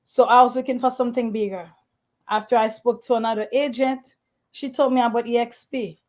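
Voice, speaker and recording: Earnest, higher-voiced woman from Haiti. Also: fairly even intonation, fairly quick, darkish tone. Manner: earnest storytelling, slightly non-native phrasing. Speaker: interview guest, realtor. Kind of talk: conversational interview.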